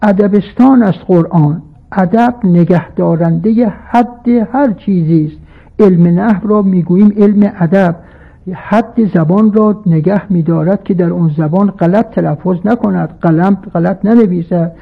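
A man's voice: high-pitched, vocal fry. A man preaching a sermon in a formal, learned manner, quoting scripture in Arabic and reciting verse. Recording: tinny phone-like radio broadcast.

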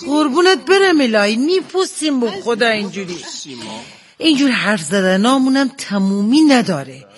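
A chatty teasing wife. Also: male voice, very high voice, big pitch swings. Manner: gossipy, teasing, often laughing. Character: chatty middle-aged wife, teasing and playful. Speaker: comic storyteller in a sketch. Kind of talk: comedy sketch dialogue.

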